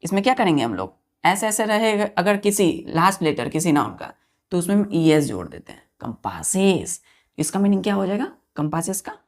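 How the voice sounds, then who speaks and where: In this online exam-prep lesson, a woman teaches English grammar in a low-leaning, sing-song voice at a brisk clip. She repeats key words, spells them letter by letter, and keeps quizzing her students, calling them children.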